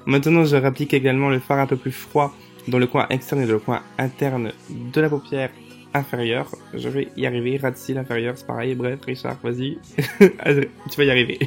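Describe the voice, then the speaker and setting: A tired man talks casually through a makeup tutorial, voice of middle height. He stumbles over words and corrects himself as he goes. Soft music plays faintly behind him. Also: mid-range voice, level tone, a little fast, gravelly. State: tired late at night. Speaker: makeup vlogger.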